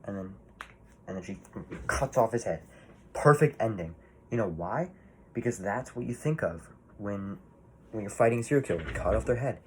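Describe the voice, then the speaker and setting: A man's voice: lowish voice, animated, moderate pace, pauses often, a little mellow, a little hiss or hum. A man giving a casual movie review, rambling and swearing freely, full of fillers and restarts.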